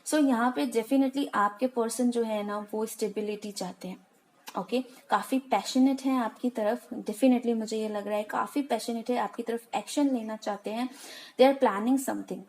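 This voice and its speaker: A woman's voice: a little high, fairly even intonation, unhurried, a little mellow, poor audio. A woman giving a casual tarot reading, chatty and reassuring, mixing English words into her speech. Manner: chatty, reassuring, mixes English into Hindi, often says "okay". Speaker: tarot card reader.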